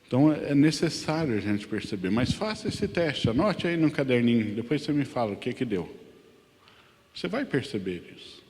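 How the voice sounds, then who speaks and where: A Brazilian pastor teaching a Sunday Bible class in a conversational way, often asking the class questions. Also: male voice, medium pitch, sing-song, darkish tone, big-room sound. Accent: Brazilian Portuguese. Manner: conversational, asks the class questions, many tag questions; sings lyric lines slowly. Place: church hall.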